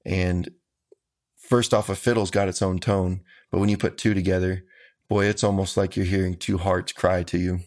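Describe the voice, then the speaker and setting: Deep, gravelly country singer. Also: male voice, flat delivery, normal speed, darkish tone. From Texas. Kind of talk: casual interview answers.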